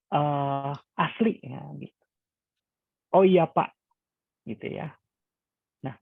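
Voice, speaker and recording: A man teaching a hypnosis class in a calm, explanatory way, acting out sample questions with sharp rises in pitch. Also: creaky, dry recording. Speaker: hypnosis instructor. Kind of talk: class lecture with spoken examples. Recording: dry phone-like lo-fi recording.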